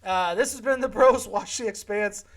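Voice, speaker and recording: High-voiced man co-hosting a podcast. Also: moderate pace, a bit bright. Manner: joking, rambling, self-correcting. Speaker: podcast co-host. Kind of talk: casual chat.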